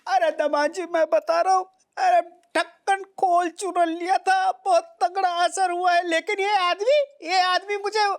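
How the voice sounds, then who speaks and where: A man's voice: extremely high pitch, flat delivery, unhurried, few pauses. An actor playing a fussy older father-in-law who complains and whines as a hostage in a TV sitcom. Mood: whining. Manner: whiny, complaining. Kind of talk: sitcom acting.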